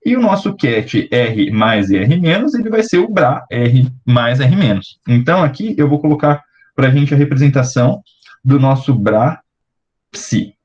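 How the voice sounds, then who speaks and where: A young Brazilian man working through an exercise for students, slowly and step by step, checking in with the class often. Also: medium pitch, animated, a little mellow, breathy edge, lo-fi sound. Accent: Brazilian Portuguese. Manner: slow, step-by-step, with many fillers and check-ins. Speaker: teaching assistant. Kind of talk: explaining exercises at a board.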